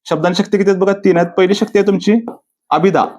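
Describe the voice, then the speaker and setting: A man with a slightly high-pitched voice leads a recorded exam-prep lesson. He poses each question aloud, answers it, then repeats the answer like a drill. Quoted verse lines come out slow and deliberate. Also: steady tone, a little mellow. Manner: repetitive, quizzing himself with question-and-answer drills. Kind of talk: classroom-style video lecture.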